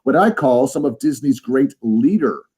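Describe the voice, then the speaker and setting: A man's voice: mid-range voice, animated, moderate pace, warm tone, slightly rough. A man co-hosting a podcast in casual, playful chat, often repeating phrases for emphasis. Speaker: podcast co-host.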